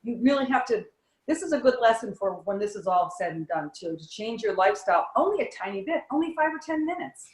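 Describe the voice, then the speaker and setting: A woman's voice: a little high, quick pace. Upbeat woman giving wellness tips, roomy sound. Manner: eager, advice-giving, lively emphasis. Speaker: wellness guest, yoga and fitness instructor. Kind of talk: casual advice interview. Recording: roomy echo.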